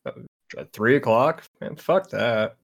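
A man co-hosting a podcast in casual chat, halting, repeating himself and using lots of fillers. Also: mid-range voice, very animated, creaky, husky. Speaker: podcast co-host.

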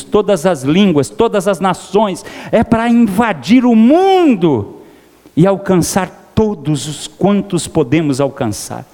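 Brazilian male pastor, high voice, fervent sermon, reverberant church hall. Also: warm tone. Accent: Brazilian Portuguese. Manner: preacherly, calls out to the congregation.

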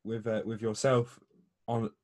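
A man co-hosting a podcast in relaxed, halting chat. He pads his talk with fillers and restarts. He speaks into a microphone on a remote call. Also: on the low side, dry recording. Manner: chatty, hesitant with fillers. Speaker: podcast co-host. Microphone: remote call mic.

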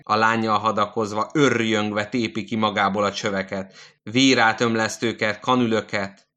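A man narrating literary prose in a measured, deliberate reading. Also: fairly low pitch, pushed and bright.

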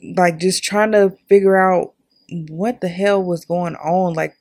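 A woman's voice: lowish voice, steady tone, measured pace, a little mellow. A young woman in her twenties hosting a podcast, telling her own story in a candid, chatty way and talking straight to her listeners. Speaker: podcast host. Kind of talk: casual personal storytelling.

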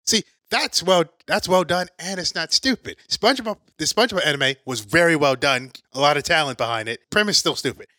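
A man's voice: a little high, animated, a little fast, hardly any pauses, bright, forceful tone, dry recording. A man co-hosting a podcast, chatting casually and arguing his point with playful restarts. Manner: opinionated, restarts often, playful. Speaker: podcast co-host. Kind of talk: casual chat.

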